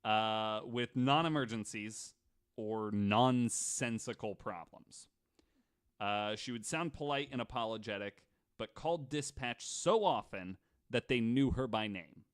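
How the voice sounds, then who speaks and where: A man hosts a casual podcast, telling stories from his notes with jokes and banter. His mid-range voice is clean in tone, and he takes his time.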